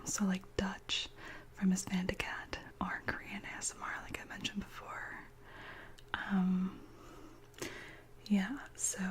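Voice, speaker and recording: A woman whispering gently as an ASMR channel host, chatting slowly with many soft pauses. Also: mid-range voice.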